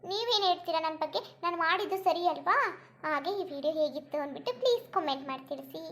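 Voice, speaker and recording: A woman's voice: very high-pitched, animated, quick pace, a bit bright. A woman with a Kannada accent chatting casually to viewers as the host of a cartoon channel.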